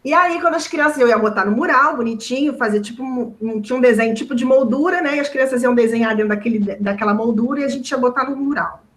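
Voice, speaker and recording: A woman's voice: on the high side, quick pace, hardly any pauses, low-quality recording. A Brazilian woman, a teacher, telling a personal classroom story in a discussion, emotional and close to tears at times, chatting with many fillers and tag questions. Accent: Brazilian Portuguese.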